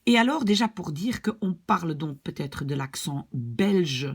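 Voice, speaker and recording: A woman from Belgium with a Belgian French accent, teaching in a casual, chatty way. Her voice sits low with a gravelly edge. Her pitch rises and falls widely as she explains with examples. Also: animated, measured pace. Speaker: Dutch language teacher.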